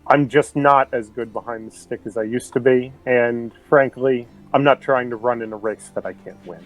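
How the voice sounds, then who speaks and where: A man's voice: medium pitch, moderate pace, soft background music, close to an everyday voice, rough recording. A man voicing a polite former starfighter pilot in a tabletop game. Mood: regretful. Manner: polite, addresses listener as sir.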